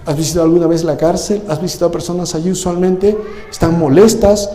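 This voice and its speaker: A man preaching a sermon as pastor, animated and full of rhetorical questions to the congregation. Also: a little high, fast talker, long reverb tail. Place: church service.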